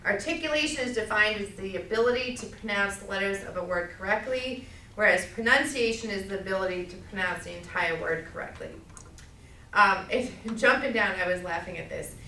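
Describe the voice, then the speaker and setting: A middle-aged woman with a Massachusetts accent teaching a speech class, loud and projecting, checking in with "okay?" as she goes. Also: mid-range voice, brisk, far from the mic, a little hiss or hum. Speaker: college speech instructor. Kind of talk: classroom lecture. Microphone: camera at a distance. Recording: echoey classroom recorded from afar.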